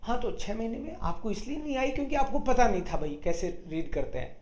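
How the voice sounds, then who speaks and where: A teacher explaining letter sounds slowly and patiently in an online beginner class, repeating each sound. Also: medium pitch, very animated, a little mellow, roomy sound. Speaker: German teacher.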